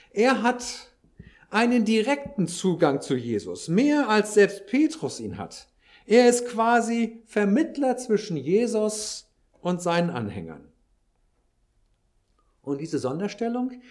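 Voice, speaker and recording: A man's voice: sits high, darkish tone. A man preaching a sermon, explaining a Bible passage with occasional dry asides. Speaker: pastor.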